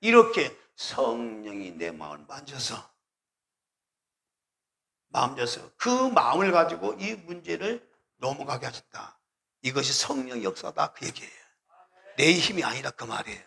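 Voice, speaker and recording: A man's voice: mid-range voice, very animated, unhurried, vocal fry, pauses often, a bit bright. A male pastor preaching a sermon, emphatic and repetitive, often asking the congregation questions and calling out hallelujah. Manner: calls out hallelujah and addresses the listeners directly.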